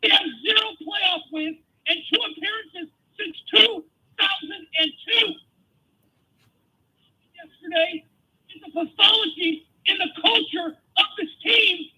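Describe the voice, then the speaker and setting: A man in his forties calling in to a radio show, shouting passionately, his phone line breaking up and cutting out. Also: extremely high pitch, measured pace. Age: 40s. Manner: impassioned, shouting. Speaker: caller. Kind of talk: fan call-in rant.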